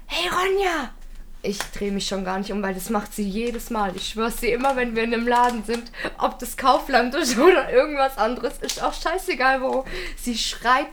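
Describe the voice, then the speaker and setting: A woman's voice: fairly high pitch, fairly even intonation, normal speed, hardly any pauses, fairly bright tone, a little hiss or hum. A young woman, animatedly telling a funny, embarrassing story in casual chat, laughing often.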